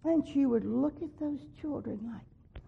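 In a high, slightly slow, creaky voice, a woman shares an earnest personal testimony of faith, becoming emphatic as she repeats what she believes God told her. The recording is dull and lo-fi.

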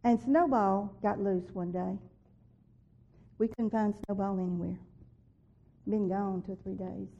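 Gravelly woman telling a faith story. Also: medium pitch, fairly even intonation, measured pace, long pauses, warm tone. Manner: earnest storytelling, emphatic when quoting God. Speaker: testimony speaker. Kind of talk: personal faith testimony. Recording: dull lo-fi recording.

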